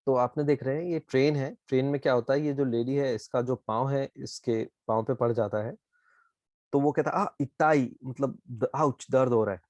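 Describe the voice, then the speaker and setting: Indian man, Japanese teacher, patient explaining, dry close sound, medium pitch. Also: fairly even intonation, darkish tone, dry recording, highs cut off. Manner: explains slowly, checks with "ठीक है?" often. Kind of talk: online class explanation.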